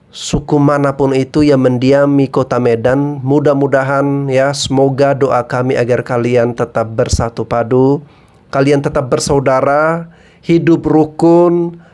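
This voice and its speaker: Man, from Flores, earnest vlog commentary, middle pitch, calls viewers guys. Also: darkish tone. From Flores, East Nusa Tenggara, Indonesia. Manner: earnest, appealing for unity, addresses viewers as guys. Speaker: content creator. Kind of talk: commentary to camera.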